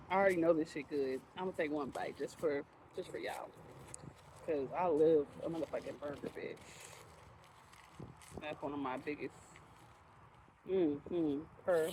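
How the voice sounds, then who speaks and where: A woman's voice: deep voice, steady tone, a little slow, long pauses, darkish tone, a little hiss or hum, poor audio. Frank, profane woman chatting while eating. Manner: frank, profane and laughing rant. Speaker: vlogger. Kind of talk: casual chat to camera while eating.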